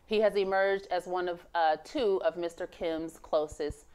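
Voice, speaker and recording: A woman's voice: fairly low pitch, steady tone, a little slow, darkish tone, smooth. A woman hosting an online news show, reading the headlines in a casual, unpolished way with frequent "uh" fillers. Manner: reads with many "uh" fillers, laughs easily.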